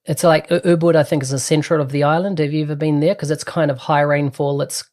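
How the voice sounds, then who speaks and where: A man's voice: on the high side, flat delivery, fast talker, a little mellow. Chatty podcast host man. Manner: chatty, upbeat. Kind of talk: podcast interview. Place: London.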